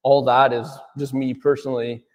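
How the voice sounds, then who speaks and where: A man in his thirties who owns an auto detailing business gives a rambling, casual interview full of fillers, often checking in with "right?" His mid-range voice is flat and moderately paced, with a darkish tone and a big-room sound.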